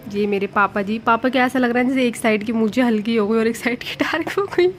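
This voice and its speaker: A woman's voice: fairly high pitch, fast, a little hiss or hum. A woman in her thirties, a vlogger, chatting casually and with amusement as she walks through her wedding photos.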